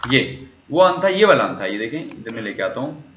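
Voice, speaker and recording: A man walks a language class through a recorded dialogue, asking question after question and supplying the answers himself. His mid-range voice is very animated, a bit bright, and fairly quick. The lecture is recorded in an echoey room with dull, lo-fi sound.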